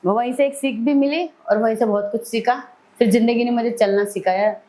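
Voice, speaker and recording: A woman's voice: on the high side, steady tone, fairly quick, dark tone, low-quality recording. A middle-aged woman, a podcast guest telling her life story vividly. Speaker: celebrity hair stylist, podcast guest. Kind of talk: personal storytelling in an interview.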